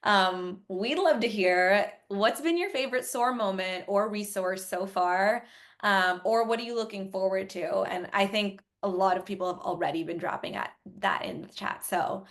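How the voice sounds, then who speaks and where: A woman organizer walks an online audience through announcements. Her voice sits at a middle pitch, and she fills pauses with ums. She restarts phrases now and then in a sincere, appreciative way. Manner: warm, grateful, frequent ums. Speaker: summit organizer introducing keynote. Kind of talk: online event presentation.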